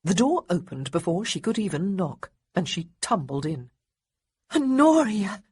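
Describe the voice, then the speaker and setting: Audiobook narrator, woman, breathy and low, animated delivery. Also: moderate pace. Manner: expressive storytelling. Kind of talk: scripted narration.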